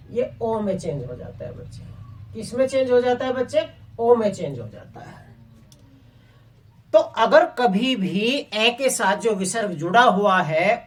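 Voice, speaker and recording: A woman's voice: mid-range voice, far from the mic. A woman teaching a Hindi grammar class online. She asks the class questions and answers them herself, often calling her listeners children.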